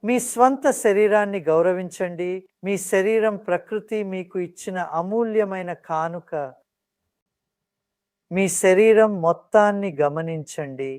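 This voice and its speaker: Measured, pause-filled instructions come from a meditation guide whose mid-pitched voice is calm and soothing. The tone is clean, and the recording is close and dry with hardly any room echo.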